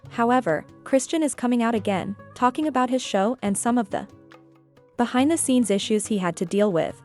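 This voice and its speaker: Higher-pitched woman narrating celebrity gossip. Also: darkish tone. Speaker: entertainment news narrator. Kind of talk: scripted gossip commentary narration.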